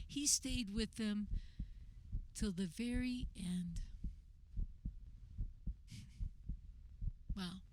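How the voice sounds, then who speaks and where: A woman playing a tender, grieving mother who remembers her son in an intimate, conversational radio-theater monologue with hesitant pauses. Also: fairly high pitch, slight background noise, rough recording.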